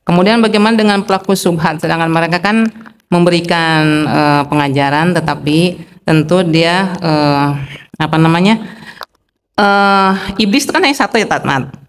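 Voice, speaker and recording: A woman's voice: lowish voice, normal speed. A woman in the audience asking the preacher a question, hesitant and full of fillers. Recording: hall reverb, faint noise.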